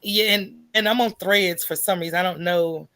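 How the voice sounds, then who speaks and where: A coffee business owner from America answers interview questions on a podcast in a relaxed, colloquial way, often checking in with "right?" or "you know." Her voice is on the low side with fairly even intonation, a sharp tone, and a normal speed.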